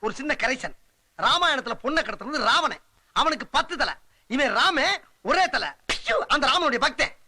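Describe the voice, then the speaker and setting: A man's voice: very high voice, expressive, normal speed, bright, forceful tone, full character voice. An actor playing a wisecracking male sidekick in a film comedy, answering back with cheeky quips. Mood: bickering. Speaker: film character. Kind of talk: Tamil film comedy dialogue.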